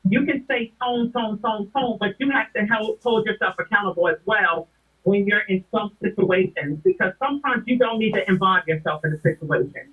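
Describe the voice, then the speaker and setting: A woman's voice: medium pitch, moderate pace, breathy edge. A woman guest in a casual chat, speaking directly and giving advice. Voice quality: direct, advising. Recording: tinny phone-like line.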